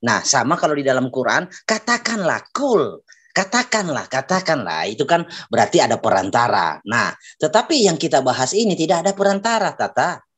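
A man's voice: on the high side, big pitch swings, moderate pace, fairly bright tone, breathy edge. A man explaining his side in an online religious debate, reading passages aloud and going through them patiently, heard over a video call.

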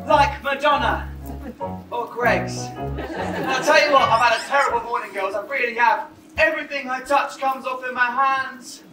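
On a theatre stage, a performer plays Buttons, the cheeky, excitable young male pantomime sidekick, bantering exuberantly with the audience in shouted call and response. His voice sits high and is lightly acted, captured from a distance. The roomy recording picks up a noisy live audience that includes children.

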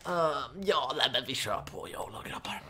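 A young man giving casual, excitable commentary while playing a video game, yelping and shouting during fights. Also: mid-range voice, a crowd in the background. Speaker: gaming YouTuber. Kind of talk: casual Let's Play commentary.

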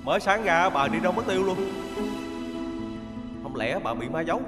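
A man's voice: a little high, expressive, moderate pace, lightly acted. A man playing an anxious household servant, deferential and worried. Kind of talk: TV drama acting. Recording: echoey room with music bed.

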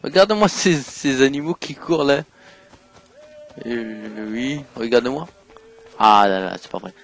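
A man giving let's play commentary while playing a game, excitable, swinging from mumbled asides to loud outbursts. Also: mid-range voice, measured pace. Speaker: gaming YouTuber.

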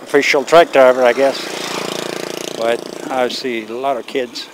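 A vlogger, an older man from Sweden, rambles easily to viewers while walking a rural road past rice fields, shooting on a handheld camera mounted on a selfie stick. He talks unhurriedly in a mid-range voice that strains as it fades, and the recording is very noisy.

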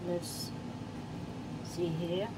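A woman's voice: lowish voice, little pitch movement, very slow. An older woman from the Philippines, cheerfully talking through a home cooking demonstration and listing each ingredient. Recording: home recording with audible background noise.

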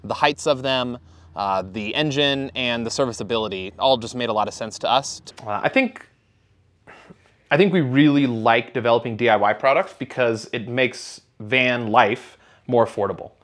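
A man in his thirties who founded a van company talks casually to camera in an interview, using easy fillers, both inside a camper van and outdoors beside it. His voice is medium-pitched and a bit bright, at a moderate pace, with a dry recording.

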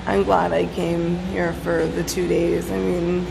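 A woman's voice: lowish voice, little pitch movement, unhurried, creaky. A woman in her thirties chatting casually to a handheld phone at an indoor pool. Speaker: vlogger. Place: large echoey indoor hotel pool. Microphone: handheld phone at arm's length. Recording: echoey pool hall, loud ambient noise. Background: background music and pool ambience.

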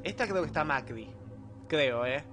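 A young man with an Argentine accent, live streaming a retro game in low spirits, joking in slang and reading chat aloud. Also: lively intonation, moderate pace, fairly bright tone, soft background music. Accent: Argentine Spanish. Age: young adult. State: low-energy, subdued. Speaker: gaming streamer. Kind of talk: casual live stream commentary while gaming.

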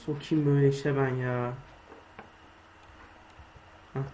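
A young man casually commenting on his own gameplay, muttering to himself and swearing or shouting when startled. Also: mid-range voice, flat delivery, slow, low-quality recording. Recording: faint background noise.

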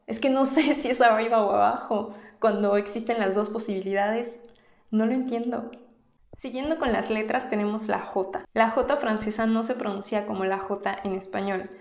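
A woman from Mexico with a Mexican Spanish accent, explaining in a casual vlog and demonstrating sounds slowly and patiently. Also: mid-range voice, a little mellow. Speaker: language vlogger. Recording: roomy echo.

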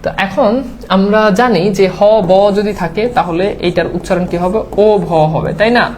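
A woman tutor at a middle pitch explains admission exam rules slide by slide, patiently and step by step. She drops English words into her talk and keeps asking her students whether they follow. A faint noise sits under the recording. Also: normal speed, a little mellow. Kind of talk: online lecture over slides.

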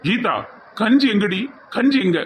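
A woman voicing a lazy husband who took a second wife, in a gruff, lowered voice with a Tirunelveli Tamil accent. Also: animated, measured pace, crowd noise, lightly acted.

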